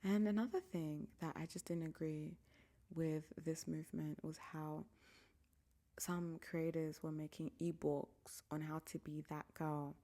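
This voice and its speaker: Low, gravelly-voiced young African woman. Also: fairly even intonation, unhurried, warm tone. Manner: candid and reflective, often dropping to a near whisper. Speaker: podcast host. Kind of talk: casual solo podcast monologue. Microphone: podcast microphone.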